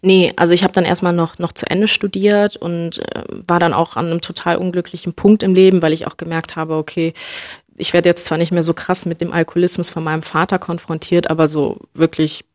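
A young woman from Germany, speaking reflectively as an interview guest and often pausing to search for words. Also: fairly low pitch, little pitch movement, darkish tone, dry recording, clean studio sound. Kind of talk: personal interview conversation.

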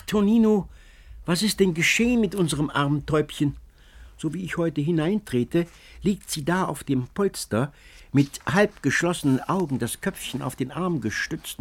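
A cackling, scheming old woman servant, as a male reader puts her on, pitched up above his usual voice. She tells her tale with breathless, wheedling drama in this storybook reading. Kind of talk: audiobook character reading.

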